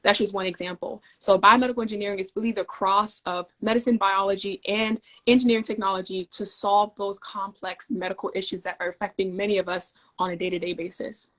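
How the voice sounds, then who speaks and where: In a relaxed interview conversation, the guest, a young engineer from Denmark, keeps her pitch steady in the middle range. Friendly and measured, she takes the listener through technical concepts one step at a time.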